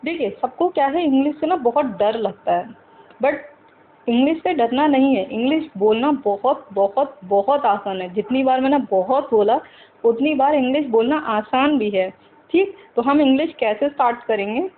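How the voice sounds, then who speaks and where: A woman teaching English to Hindi speakers. She talks slowly, repeats each example sentence several times and keeps asking the viewers questions. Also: high-pitched, lively intonation, narrow, tinny audio, slight background noise.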